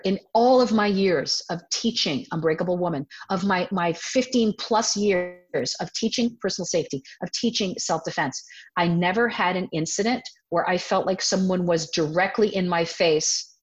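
A woman in her forties, a self-defense teacher, telling a personal story in an interview in an animated way and breaking into voiced quotes of herself. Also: fairly low pitch, moderate pace. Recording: dull lo-fi audio.

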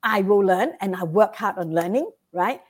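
In a motivational interview, a guest with a Vietnamese accent gives heartfelt encouragement, checking in often with "right?". Her voice is mid-range and a little mellow, delivered at a moderate pace.

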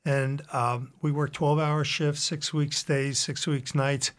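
Older veteran man, remembering, fairly high voice. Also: level tone, unhurried. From Long Island, New York, USA. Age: 70s. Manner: old veteran remembering his service. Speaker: guest, retired veteran and painter. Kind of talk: personal recollection in a radio interview.

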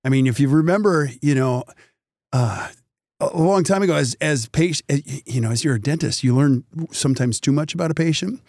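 A man hosting a casual interview, asking questions in a halting, roundabout way. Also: on the high side, darkish tone, no echo, clean studio sound. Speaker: interview host, dentist.

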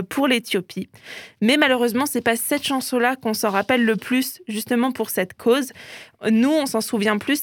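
A woman's voice: fairly high pitch, no echo, clean studio sound. Chatty, playful woman host. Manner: chatty, playful, peppers speech with "hein". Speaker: radio show host. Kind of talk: casual radio chat about pop culture.

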